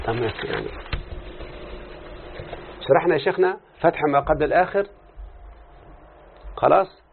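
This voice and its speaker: Teaching Arabic morphology in an Egyptian accent, this man walks through a text and fires brief questions at his class throughout. His slightly high, creaky voice is animated and moves at a moderate pace. The lo-fi, phone-like audio is tinny and carries a faint hiss or hum.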